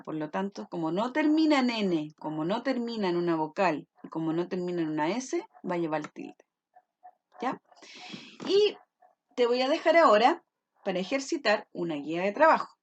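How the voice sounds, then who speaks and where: A woman's voice: medium pitch, slight background noise. A woman teacher explaining a lesson patiently, often checking that her pupils follow. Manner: patient, checks understanding with frequent "¿ya?".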